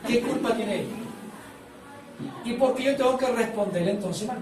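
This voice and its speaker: A man's voice: extremely high pitch, normal speed, reverberant, distant mic, background noise. A man preaching a sermon as pastor, prompting the congregation to repeat phrases back to him.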